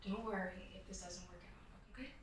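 A woman's voice: medium pitch, steady tone, brisk, lightly acted. A young woman playing a sassy grown-up sister who teases her brother but backs him up. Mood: teasing. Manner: sassy, teasing banter. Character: sassy grown-up sister Gretel, teasing, supportive. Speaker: actor in an indie drama. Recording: echoey room, far from mic, faint noise.

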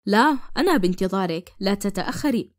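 A woman voicing an earnest young man in love in an animated cartoon. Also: mid-range voice, fairly quick, slight background noise, close to an everyday voice. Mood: warm. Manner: earnest, pleading. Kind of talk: cartoon dubbing in formal Arabic.

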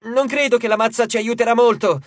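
A man's voice: very high-pitched, fairly even intonation, no echo, voice pushed up. A man voicing a flustered teenage boy mechanic who scolds himself in a hurry. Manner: self-scolding, hurried.

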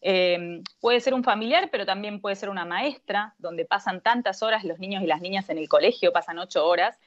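A middle-aged woman with an Argentine accent, speaking as an author in a remote interview, earnest and measured with frequent pauses. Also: medium pitch. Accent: Argentine Spanish. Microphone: earphone headset on a video call. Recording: dull lo-fi video call audio.

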